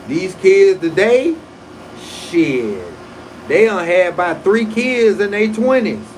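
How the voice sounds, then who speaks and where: On a rough recording with a bit of hiss or hum, a man in his forties hosts a casual livestream, voice sitting slightly high for a man. He rambles in loose, profane slang and keeps breaking off to restart his sentences.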